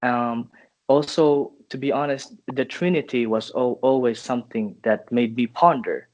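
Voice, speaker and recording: A man in his twenties from Finland, a guest answering interview questions in a thoughtful, halting way with restarts. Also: mid-range voice, a little mellow. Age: 20s.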